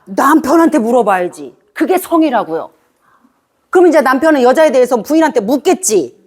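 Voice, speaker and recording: A woman's voice: high voice, big pitch swings, brisk, breathy edge. A middle-aged woman giving a chatty, teasing lecture to parents and asking the audience questions.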